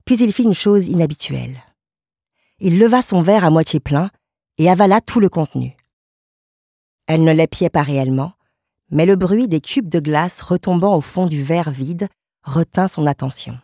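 A woman narrating a literary short story in a calm, measured way. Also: on the low side, no echo, clean studio sound. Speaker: audiobook narrator.

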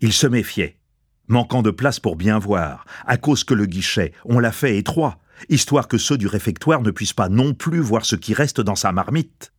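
Expressive husky male storyteller. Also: lowish voice, moderate pace, no echo, studio quality. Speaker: narrator. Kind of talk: audiobook novel reading.

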